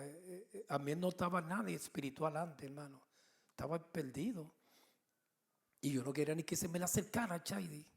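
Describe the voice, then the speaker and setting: Pastor de mediana edad, voz algo aguda y rasposa, sermón narrado con humor. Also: male voice, on the high side. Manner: animated storytelling with humor. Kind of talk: sermon.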